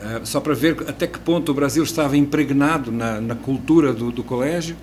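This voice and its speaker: On a casual podcast, a man from Portugal in his sixties recounts his life with a European Portuguese accent, full of restarts and hesitant fillers. He talks fairly quickly in a medium-pitched, darkish voice, and slight background noise is present.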